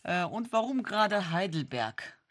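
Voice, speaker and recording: A woman's voice: medium pitch, sing-song, unhurried. A woman in her forties hosting a radio interview, asking friendly, encouraging questions. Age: 40s. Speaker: radio host.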